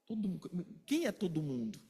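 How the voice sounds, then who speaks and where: High-voiced preacher guy, pitch jumping all over, long hall echo. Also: normal speed, breathy edge. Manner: animated, asks the congregation questions and acts out quarrels. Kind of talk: sermon.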